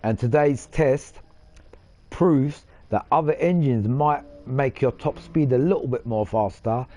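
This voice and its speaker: A man's voice: mid-range voice, unhurried, mellow. A man hosting a gaming channel, rambling in casual gameplay commentary, boastful and swearing casually.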